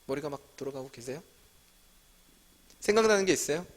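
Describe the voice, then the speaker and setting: A man with a fairly high voice teaches scripture to a gathering and keeps asking questions and then answering them himself. His voice rings in a church hall with a long reverb tail. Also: expressive, a little fast. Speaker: staff teacher leading a Bible study. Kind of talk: interactive sermon teaching.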